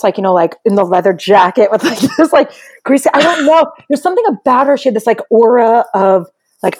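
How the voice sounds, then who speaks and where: A woman with a New York accent and a raspy chain-smoker voice, chatting casually and jokingly as a comedian guest. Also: medium pitch, darkish tone. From Brooklyn, New York, United States. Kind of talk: casual chat.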